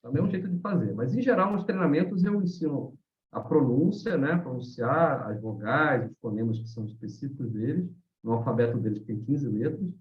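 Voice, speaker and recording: Animated Brazilian man in a roomy room. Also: mid-range voice, fairly quick. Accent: Brazilian Portuguese. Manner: animated storyteller, many "né?" tags. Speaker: guest teacher of haka. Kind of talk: live online talk, answering questions. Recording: roomy, dull lo-fi sound.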